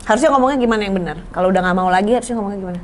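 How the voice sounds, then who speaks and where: A woman's voice: medium pitch, a little hiss or hum. A woman in a casual chat who asks pointed questions and gives short replies. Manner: quick, inquisitive, short replies. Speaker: co-host.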